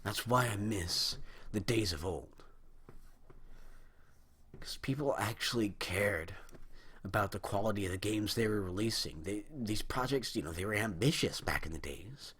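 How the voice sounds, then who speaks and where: A video host in his early twenties gives an aggrieved, wandering monologue on video games, repeatedly breaking off to start again. His lowish voice is a bit bright and moves at a moderate pace, carrying a little hiss or hum, over a dry, strained throat.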